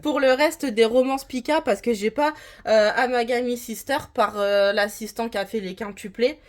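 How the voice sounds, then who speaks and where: Woman from france rambling casually about her manga shelves, slightly high voice, lots of little hesitations. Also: fairly even intonation, moderate pace. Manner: chatty, rambling, frequent hesitations. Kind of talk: casual vlog tour.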